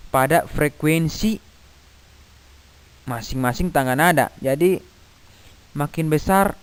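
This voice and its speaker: A middle-aged man, patiently explaining a physics lesson to children, pausing and singing note names to demonstrate. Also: a little high, smooth. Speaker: teacher.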